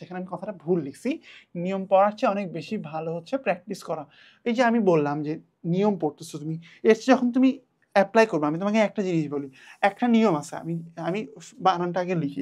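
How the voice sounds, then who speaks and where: Young male tutor; quick, repetitive, student-facing revision lesson. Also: high voice, darkish tone. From Bangladesh. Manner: chatty, addresses students directly, repeats points. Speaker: exam tutor.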